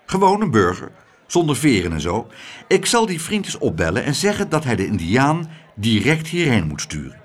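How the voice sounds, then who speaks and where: A man reading an audiobook aloud, voicing a big, stout, quick-tempered businessman who talks bluntly and loudly. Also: medium pitch, huge pitch swings. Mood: brisk. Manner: blunt, raised, cross.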